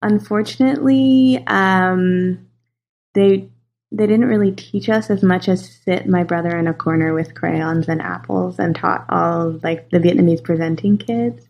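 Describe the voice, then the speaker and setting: A woman's voice: fairly low pitch, measured pace, gravelly, darkish tone. Chatty young woman, lots of fillers. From Los Angeles. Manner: chatty, many fillers, laughs easily. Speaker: guest. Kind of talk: casual interview conversation.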